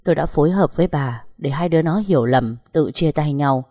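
A woman's voice: deep voice, brisk, dark tone, no room sound, clean studio sound. A woman voicing a fierce, protective middle-aged mother who scolds sharply. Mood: cold.

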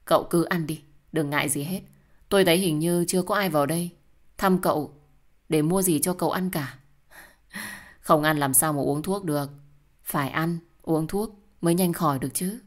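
A woman's voice: low voice, normal speed, close to an everyday voice. A woman voicing a kind young doctor friend who coaxes a patient to eat and rest, in an audio story. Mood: coaxing. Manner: warm, coaxing, insistent.

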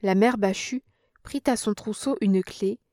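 A woman reads a novel aloud in a steady, expressive way. Her voice sits at a middle pitch for a woman. The sound is dry and close to the mic. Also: unhurried, no echo. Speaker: audiobook narrator. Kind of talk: novel reading.

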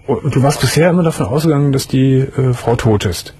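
A man hosting a late-night call-in show, asking calm, probing questions with many restarts. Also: mid-range voice, fast talker, husky. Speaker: radio and TV call-in host.

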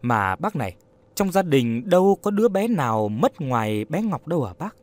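Guy reading a gentle young woman, soft and polite, coaxing, voice moves around a lot. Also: a little high, sing-song, moderate pace. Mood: gently probing.

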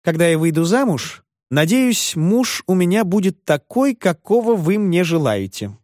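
A man's voice: sits high, sing-song, measured pace, darkish tone, no echo, studio quality, voice pushed up. A man putting on a tearful, exclaiming widow. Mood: flustered. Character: pretty widowed innkeeper woman, emotional and coy.

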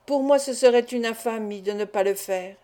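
Brief: indignant young man confessing, read by a woman, soft warm tone. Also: on the high side, moderate pace, natural voice.

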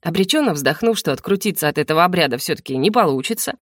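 A woman narrating a first-person fantasy audiobook in a lively, wry manner. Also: lowish voice, quick pace, dry recording, studio quality.

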